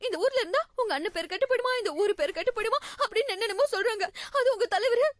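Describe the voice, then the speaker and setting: A young village woman, her voice very high and her words quick. She speaks reproachfully, close and dry, in a film scene. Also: dry recording. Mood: tearful. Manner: tearful, reproachful. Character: young unmarried village woman, hurt and proud.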